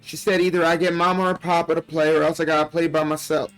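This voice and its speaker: A man's voice: a little high, little pitch movement, fast, clean tone, faint music behind, lightly acted. A man voicing a frightened little country girl reading her diary, plaintive and folksy, from a video game. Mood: plaintive, uneasy.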